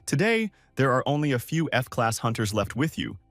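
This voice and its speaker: A man's voice: medium pitch, sing-song, moderate pace, no echo. A man voicing a worried, earnest male agent explaining matters.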